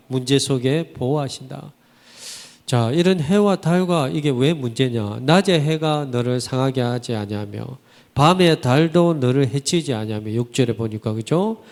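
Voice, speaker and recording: A pastor preaches a Sunday sermon in a church sanctuary, his medium-pitched voice unhurried as he tells animated stories full of vivid colloquial expressions. He asks the congregation rhetorical questions, and the church hall adds reverb.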